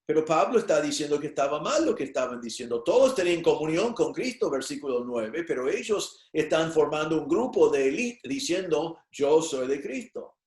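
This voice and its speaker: A male pastor preaching a sermon in an animated way, acting out the voices of the people he quotes. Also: on the high side, moderate pace, few pauses, reverberant. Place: church.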